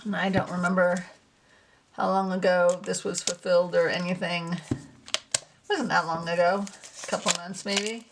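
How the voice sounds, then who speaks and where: A woman's voice: fairly low pitch, flat delivery, normal speed, long pauses, background noise. A woman hosting a casual tarot unboxing video, musing to herself as she handles the cards, a little out of breath. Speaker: tarot channel host.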